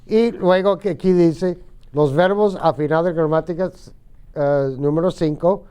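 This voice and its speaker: This ESL teacher, a middle-aged man, patiently walks students through English vocabulary at a slow pace, repeating each word so they can echo it back. His slightly high voice is mellow, clear and resonant.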